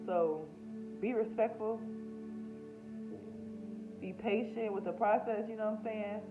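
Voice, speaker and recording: An American woman who works as a YouTube spiritual healer and host talks off the cuff in a casual personal vlog, candid, emotional, slangy, and full of swearing. Her mid-range voice keeps a fairly even intonation at a measured pace, and the audio is narrow and tinny, over music.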